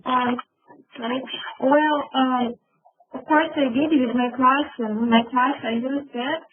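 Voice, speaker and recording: A woman's voice: sits high, steady tone, slow. Russian woman on a tinny conference call. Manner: hesitant, searching for words. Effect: conference call audio. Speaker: language teacher. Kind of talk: answering questions on a video conference call. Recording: phone-like call line with faint noise.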